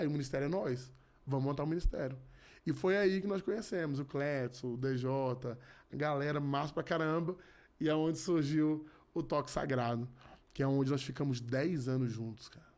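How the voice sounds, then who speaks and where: This podcast guest, a gospel musician in his thirties from Rio de Janeiro, has a voice on the high side with a slightly mellow quality. He gives an earnest personal testimony in a relaxed chat, often starting over and repeating himself.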